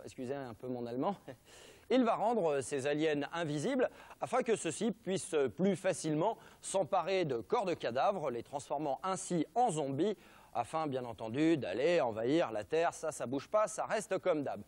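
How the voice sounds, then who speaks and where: A French-accented male TV host presents film history with ironic, mock-serious humour. He drops jokey asides in a slightly high-pitched voice. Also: expressive, normal speed, a little mellow. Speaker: television show host.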